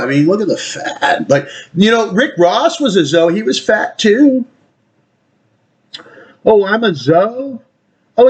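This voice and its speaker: A man rambles through a casual vlog monologue in a high, lively voice that swoops up and down. He trails off, restarts his thoughts and swears casually. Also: husky. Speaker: vlogger.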